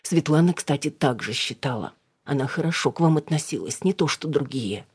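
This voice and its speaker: A reader voicing a soft-spoken worn-down old grandmother. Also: medium pitch, animated, normal speed, breathy edge, no room sound. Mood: sad, confiding. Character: older woman, gentle and worn-down grandmother.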